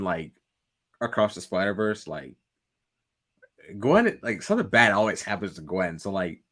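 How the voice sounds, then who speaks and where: Lively bright-voiced young man chatting. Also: fairly low pitch. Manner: animated, laughs often, many "like" fillers. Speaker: podcast co-host. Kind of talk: casual chat.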